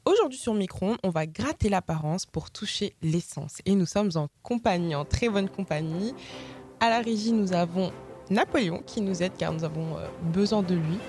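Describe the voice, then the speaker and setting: A woman hosting a radio interview show in a studio, reading measured, scripted introductions. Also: fairly low pitch.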